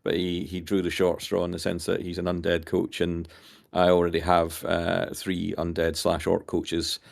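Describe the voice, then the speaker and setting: A man's voice: deep voice, monotone, moderate pace, creaky. A man, a team captain, chatting casually on a stream, rambling with many repeated words and hesitations.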